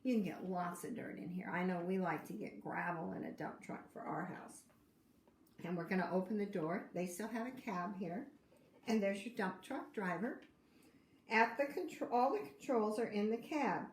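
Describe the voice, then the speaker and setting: A woman's voice: medium pitch, normal speed. An older woman with a grandmotherly, encouraging manner reads a picture book aloud to young children, explaining simply and asking questions along the way. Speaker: storyteller reading to children. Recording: roomy echo, faint background noise.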